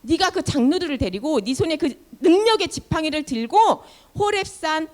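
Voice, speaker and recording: A woman's voice: high voice, expressive, moderate pace, a little mellow, voice pushed up. A woman voicing God giving firm instructions to his servant in a children's sermon. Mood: commanding. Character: commanding divine voice of God.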